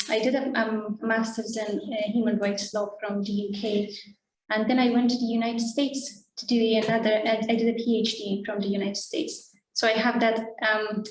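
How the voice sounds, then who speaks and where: A woman from Afghanistan, an academic on a panel, introducing herself in a measured way with frequent ums. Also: a little high, reverberant, distant mic, slight background noise, poor audio.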